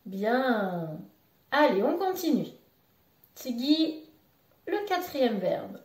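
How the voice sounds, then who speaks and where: Woman teacher, high voice, slow patient delivery, echoey room, mic a bit far. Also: big pitch swings, darkish tone. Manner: slow, patient, repeats words for the learner. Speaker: Japanese language teacher. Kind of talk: beginner language lesson. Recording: roomy echo, voice a bit off-mic.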